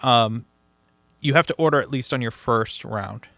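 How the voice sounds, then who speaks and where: Bright, joking man co-hosting a podcast. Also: medium pitch, normal speed, creaky, dry recording. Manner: joking, teasing. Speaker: podcast co-host. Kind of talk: casual podcast chat.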